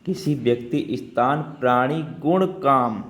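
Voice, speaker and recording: A man teaching a grammar lesson for exam students, repeating terms and checking in with quick questions. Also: medium pitch, a bit bright. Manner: repetitive, keeps checking with "ठीक है" and asking questions back. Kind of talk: spoken Hindi grammar lesson.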